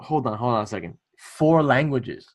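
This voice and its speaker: A male podcast host in a relaxed interview. His voice sits at a middle pitch. He talks in a friendly, joking way and often stumbles over repeated words. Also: normal speed. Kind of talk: casual interview chat.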